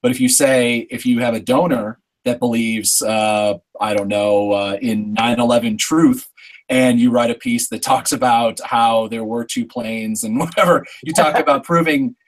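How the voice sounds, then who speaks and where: A man's voice: medium pitch, steady tone, moderate pace, rough recording. A man, a longtime journalist, speaking on a discussion panel in a conversational way and arguing his points at length.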